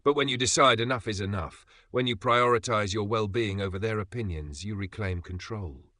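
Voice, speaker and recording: Forceful low-voiced man narrating. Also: no room sound, clean studio sound. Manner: measured, emphatic delivery with dramatic pauses. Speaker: channel narrator. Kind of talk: scripted motivational voice-over.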